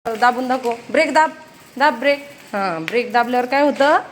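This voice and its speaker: A woman's voice: a little high, fairly quick, slight background noise. A young adult woman vlogging outdoors, giving a child firm, repeated instructions on riding a bicycle. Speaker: vlogger and mother. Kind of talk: casual family vlog, teaching a child to cycle. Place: outdoors in a housing complex near underground parking.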